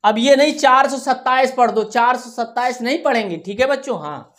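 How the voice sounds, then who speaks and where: Speaking a little fast in a high voice, a woman teaches young children primary school maths. She goes over each number patiently, digit by digit, and regularly checks in with "theek hai" to see if they're keeping up.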